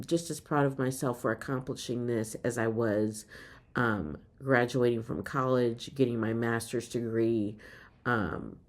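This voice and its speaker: A woman in her fifties talks casually to her viewers in a vlog, upbeat and full of ums. Her voice sits very low, with a gravelly, fried edge. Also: a little mellow. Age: 50s. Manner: chatty, frequent ums, upbeat. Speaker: reseller vlogger. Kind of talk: casual chat to camera.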